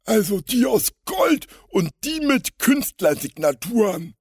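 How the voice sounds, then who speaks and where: Sly tall crook, sneering and gloating, pitched high and loud. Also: male voice, sing-song, normal speed, slightly rough, no room sound, clean studio sound, heavily acted. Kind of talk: storybook reading.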